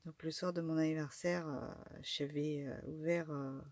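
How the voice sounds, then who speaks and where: A woman's voice: deep voice, steady tone, moderate pace, a little mellow, no echo. A middle-aged woman casually talking through an unboxing of craft supplies, hesitant with many fillers and restarts. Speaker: craft vlogger.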